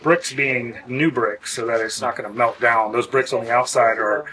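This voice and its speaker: A man who grew up with pottery, explaining in a relaxed, easygoing way and laughing easily. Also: medium pitch, moderate pace, low-quality recording. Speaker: potter and kiln site host. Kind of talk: casual interview. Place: outdoors at a kiln festival. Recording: outdoor festival with crowd behind.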